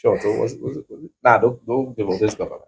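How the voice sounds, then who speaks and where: A man's voice: mid-range voice, fast, creaky, a little mellow, slight background noise. A male host asking questions in a playful, joking way. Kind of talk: casual interview chat.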